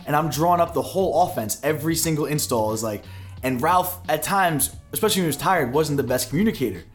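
Fast-talking man telling a story. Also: fairly high pitch, soft background music. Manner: animated, rambling anecdotes with many fillers. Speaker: podcast host. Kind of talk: casual storytelling chat.

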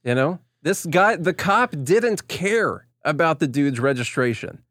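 A man's voice: fairly high pitch, animated, measured pace, a bit bright, no room sound, studio quality. A man co-hosting a talk show, giving casual, blunt commentary and acting out quoted dialogue. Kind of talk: casual opinionated commentary on video clips.

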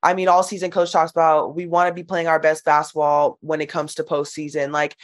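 A woman's voice: low-pitched, flat delivery, a little fast. A young woman in a casual interview about her basketball career, chatty and giggly, saying "like" often. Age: young adult. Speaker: college basketball player.

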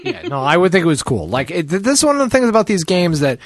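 A man co-hosting a podcast in casual chat, joking and animated with many "like"s. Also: high-pitched, fast talker, no room sound, clean studio sound. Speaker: podcast co-host.

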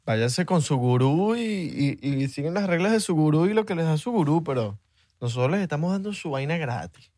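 Playful man in lively podcast banter. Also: a little high, fairly quick, no room sound, studio quality. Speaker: podcast co-host. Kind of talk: casual comedic podcast chat.

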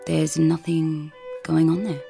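Scornful judge, very gravelly low voice, violin behind. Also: female voice, flat delivery, slow pace, warm tone, soft background music, exaggerated voice. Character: harsh, dismissive female audition judge.

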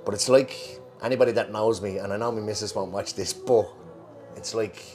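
A man's voice: lowish voice, fairly even intonation, normal speed, darkish tone, faint music behind. An Irish man co-hosting a football show in casual chat, colloquial and wry. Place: pub in Liverpool. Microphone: worn mic.

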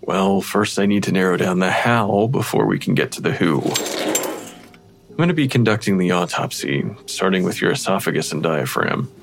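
A fed-up pathologist, low gravelly voice, kinda dry. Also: male voice, expressive, normal speed. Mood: exasperated. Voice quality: dry, exasperated. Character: exasperated male pathologist who hears ghosts. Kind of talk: audio drama acting.

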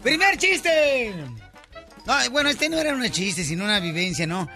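A Mexican man hosting a comedy radio show, playfully ribbing his co-hosts. His voice sits very high, and music plays under him. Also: sing-song, quick pace, pushed and bright. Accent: Mexican Spanish. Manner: teasing, playful, drops his voice for punchlines.

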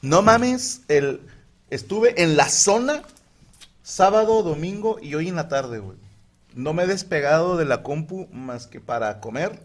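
A Mexican man hosts a comedy podcast, his voice sitting fairly high and swinging widely in pitch. He tells stories in a loud, crude, joking way, full of slang. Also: lively intonation, unhurried. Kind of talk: loud comic storytelling.

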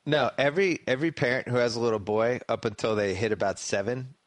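A man's voice: medium pitch, fast talker, no echo. A middle-aged man from Massachusetts, hosting a podcast with wry, joking banter. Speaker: podcast host. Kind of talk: casual chat.

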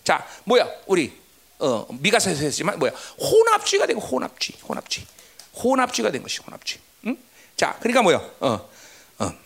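A pastor preaching in church, the voice gravelly and fry-laden, with pitch swinging wildly from low murmurs to shouted highs. The pastor keeps prodding listeners for replies and drops into quiet asides between bursts. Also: huge pitch swings, fairly quick. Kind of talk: sermon.

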